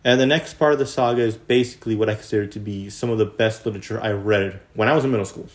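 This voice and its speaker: A man's voice: fairly low pitch, fast talker. Rambling young man, casual review. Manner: rambling, filler-heavy, repeats "honestly" and "unironically". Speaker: video host.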